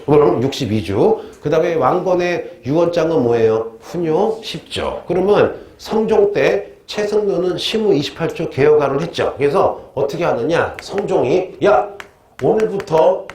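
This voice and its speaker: A man teaching a history lecture in a lively, joking way, constantly quizzing his students. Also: fairly high pitch. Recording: echoey room, faint noise.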